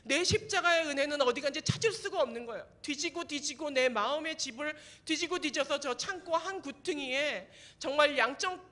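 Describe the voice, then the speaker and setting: High-voiced, bright woman pastor preaching. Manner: emotional, swings from forceful to hushed near-whisper; tells personal testimony. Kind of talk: sermon.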